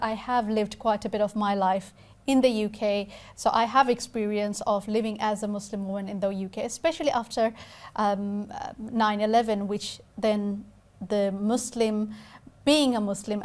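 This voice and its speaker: A woman's voice: medium pitch, a little mellow. A woman from Bangladesh hosting a TV discussion show, speaking hesitantly with many fillers and restarts as she talks to guests on a video call. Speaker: TV talk show host.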